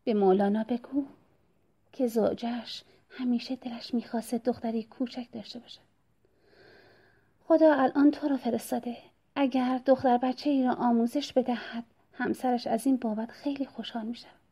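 A woman voicing the gentle ghost of a young woman in a whispered role-play, coaxing softly. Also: fairly high pitch, steady tone, breathy edge. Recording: dull lo-fi recording.

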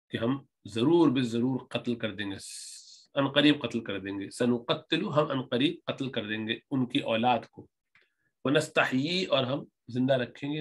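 A man teaching Arabic grammar, reading lines slowly and explaining them word by word. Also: medium pitch, fairly bright tone, breathy edge. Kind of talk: grammar lesson, reading and translating Arabic text.

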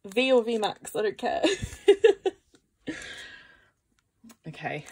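A woman's voice: medium pitch, animated, fairly quick, husky. A woman casually chatting as she opens trading card packs, gasping and exclaiming over what she finds. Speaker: card-opening vlogger. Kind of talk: casual unboxing chat.

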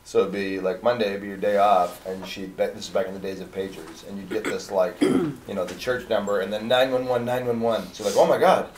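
A man telling a funny anecdote from the stage at a church service, in a lively storytelling style. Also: sits low, a little fast, a little hiss or hum. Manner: animated, anecdotal, laughs while telling. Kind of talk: storytelling sermon. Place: church auditorium. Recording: roomy church hall, from far off, audience laughter.

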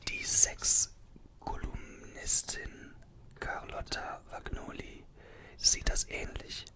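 A young man in his 20s, an ASMR creator, whispers slowly and hushed as he reads an article aloud, adding informal, conversational comments along the way. He's in a small bedroom, close up to a desktop condenser microphone.

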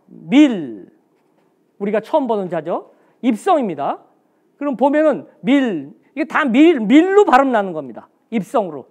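A man's voice: sits high, a little mellow. A man giving a special history lecture in a blunt, colloquial way, asking himself questions and answering them.

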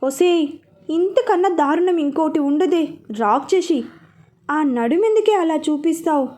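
A woman's voice: very high-pitched, unhurried, warm tone. A woman reading a romance story aloud, narrating and voicing every character herself.

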